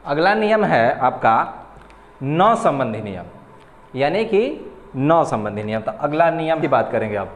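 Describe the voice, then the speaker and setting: Guy teaching at a board, high voice that jumps around, echoey room w long reverb. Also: very animated, dull audio. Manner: slow, repetitive, spells out syllables. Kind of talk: board lesson on grammar.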